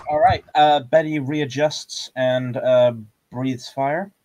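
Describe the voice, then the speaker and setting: A man's voice: mid-range voice, fairly even intonation, slow pace, a little mellow, low-quality recording. A man playing in an online tabletop game, describing his character's actions with frequent fillers. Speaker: player. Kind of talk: casual tabletop play over voice chat.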